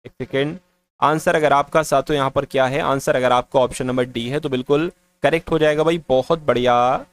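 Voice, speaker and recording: A man's voice: medium pitch, fairly even intonation, a little fast, clear, resonant tone. A man teaching exam-prep questions in a quiz-style lesson, walking through each answer step by step and often addressing his students.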